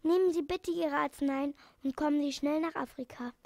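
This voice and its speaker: An urgent little swallow from a children's story, begging for help in a pleading voice, as a woman reads her part. High and slightly gravelly, recorded close and dry. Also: steady tone, normal speed, darkish tone, no echo.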